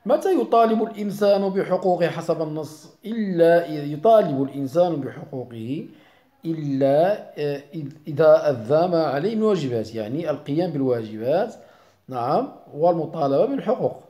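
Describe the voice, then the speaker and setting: A man's voice: fairly high pitch, animated, brisk, warm tone. A middle-aged man with a Moroccan Arabic accent, a primary school teacher going through a worksheet, mixing dialect with formal Arabic and hesitating often. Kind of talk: explaining a worksheet.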